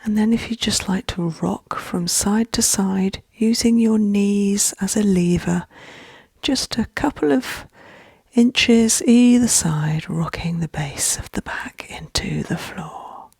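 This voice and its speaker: A relaxation guide with a medium-pitched voice speaks very breathily and gently in soft-spoken ASMR style, often whispering. She goes very slowly, with vocal fry creeping into her hushed, soothing delivery, and there's no echo.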